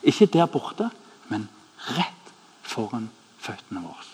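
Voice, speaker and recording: A man preaching a sermon, telling stories animatedly, acting out the people in them, and dropping to a hushed voice at times. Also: medium pitch, slight background noise. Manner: animated, acts out quoted voices, drops to hushed tones. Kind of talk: sermon with storytelling. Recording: echoey hall, long reverb.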